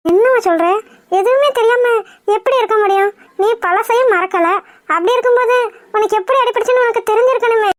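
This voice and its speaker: A woman's voice: extremely high pitch, fairly quick, no echo, clean studio sound. A woman voicing a kind, patient housewife in a cartoon who coaxes and soothes. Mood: soothing. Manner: soothing, coaxing. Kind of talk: cartoon voice acting.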